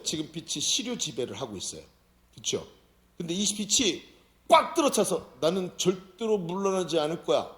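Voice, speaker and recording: A man preaching a sermon as senior pastor, often asking the congregation questions. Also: on the high side. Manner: lively, questions the audience often. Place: church sanctuary. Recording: roomy church hall.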